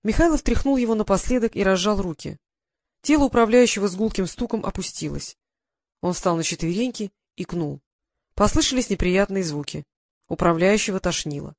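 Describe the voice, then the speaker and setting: A man's voice: high-pitched, lively intonation, a little fast, creaky, no room sound. Man narrating a story in a dry room. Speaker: audiobook narrator. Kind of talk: first-person scripted narration.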